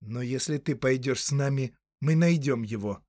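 A man voicing a grave, steady young hero in an audiobook, stern and measured in his delivery. The voice sits at a middle pitch, recorded close and dry. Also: no echo, close to an everyday voice.

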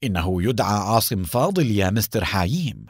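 A man voicing a nervous spy underling in a storybook reading, asking hurried, anxious questions. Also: on the low side, big pitch swings, husky, no room sound, studio quality, heavily acted.

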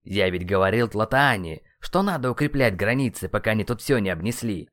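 A man's voice: fairly low pitch, expressive, brisk. A man doing a grumbling hot-headed young warrior. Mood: indignant. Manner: complaining, shouting.

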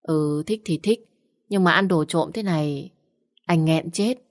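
With a low voice at a measured pace, a woman plays a timid young man in his twenties. The character is whiny and easily scared, complaining and exclaiming a lot.

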